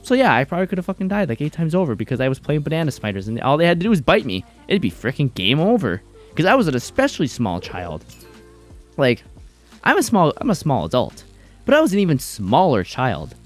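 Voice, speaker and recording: A male streamer telling stories in casual chat while gaming, animated and swearing freely. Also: fairly high pitch, fairly quick, soft background music.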